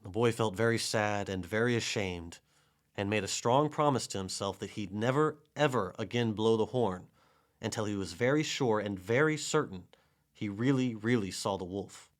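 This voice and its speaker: A man narrating a children's storybook in a gentle, measured way. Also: lowish voice. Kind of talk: storybook reading.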